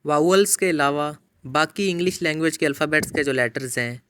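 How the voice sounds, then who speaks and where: A middle-aged man teaching students, speaking deliberately, addressing them directly and drilling example words one at a time. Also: on the high side, fairly bright tone, clean tone. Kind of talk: explaining phonetics to students.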